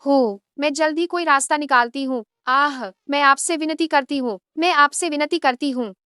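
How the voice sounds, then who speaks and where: A woman dubbing the role of an older housemaid who is deep in debt, pleading one moment and coldly scheming the next. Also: moderate pace, pushed and bright, no echo, clean studio sound. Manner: pleading, then cold and scheming. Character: scheming older maid, pleading then greedy. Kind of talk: Hindi drama dub.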